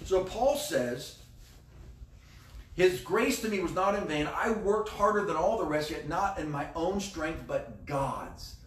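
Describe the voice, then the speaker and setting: Speaking in a fairly high, expressive voice at an unhurried pace, a middle-aged American pastor delivers a conversational sermon. He's emphatic and keeps repeating key phrases. The distant microphone picks up roomy echo in the indoor room beside a screen.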